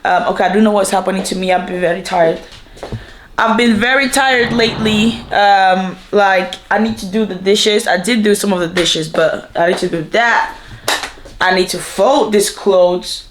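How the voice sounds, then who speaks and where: A woman's voice: medium pitch, fairly even intonation, normal speed, echoey room, background noise. A young woman and student vlogging casually to camera in her apartment, rambling and chatty with lots of fillers. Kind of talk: casual vlog chat to camera. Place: apartment indoors.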